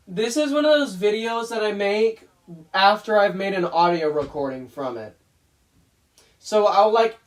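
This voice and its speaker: A young man casually commenting on his own old videos, rambling, laughing and mocking himself. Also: high-pitched. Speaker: YouTube animator reacting to his old videos.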